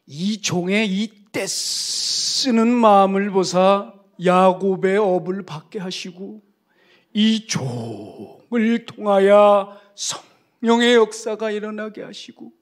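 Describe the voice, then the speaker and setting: A commanding pastor in his nineties, as a preacher puts him on, praying with fervent, drawn-out slowness. His voice rises loud and high, stretching every phrase of the prayer. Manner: slow, drawn-out, loud delivery.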